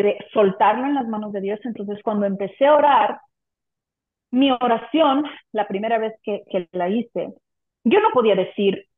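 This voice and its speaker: A woman guest giving an earnest, emotional personal testimony of faith in an interview. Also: on the high side. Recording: echoey room on a tinny phone-like line.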